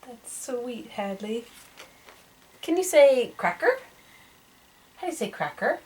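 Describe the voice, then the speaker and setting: Young mom at home coaching her baby, slow patient talk, bouncy up and down voice, lots of good girl praise and animal noises. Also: a little high, very animated, a little mellow, far from the mic, low-quality recording. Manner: patient, encouraging, repeats words and praise for the child; imitates animal sounds playfully. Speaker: mother quizzing her toddler. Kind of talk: home video of a parent coaching a baby to name pictures.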